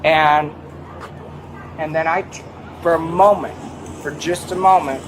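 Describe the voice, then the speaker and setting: A man working at an airport recounts an incident to police in a halting, rambling way, acting out what was said, recorded on a body camera. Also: steady tone, some chatter behind. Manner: halting, rambling, acts out his own quoted words. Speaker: airport airline worker giving a witness account. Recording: noisy body camera audio, vehicle rumble.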